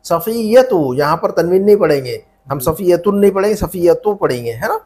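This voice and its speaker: A man's voice: sits high, lively intonation, normal speed, darkish tone, husky. A man teaching Arabic grammar online, patiently repeating each rule and quizzing his students. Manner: mixes Hindi-Urdu with Arabic terms.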